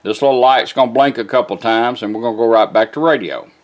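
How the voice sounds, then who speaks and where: A man with a mid-range voice, speaking fast, demonstrates a vintage truck radio from inside a pickup truck cab. His style is casual, plainspoken and folksy, walking through it step by step.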